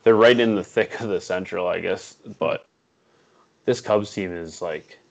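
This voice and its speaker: Gravelly and low-pitched, this podcast co-host talks sports in a casual chat, delivering blunt, opinionated takes and reacting quickly.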